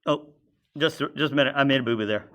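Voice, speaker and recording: Bright-voiced chatty male teacher. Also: medium pitch, fast. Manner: chatty, asks students questions, talks to himself while drawing. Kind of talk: classroom science lesson, drawing while explaining.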